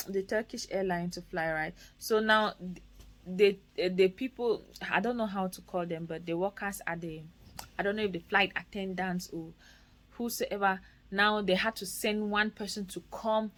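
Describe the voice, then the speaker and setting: A woman's voice: medium pitch, fairly bright tone. A woman vlogger, a mother, telling a story to camera in an emphatic way, often repeating phrases and restarting sentences.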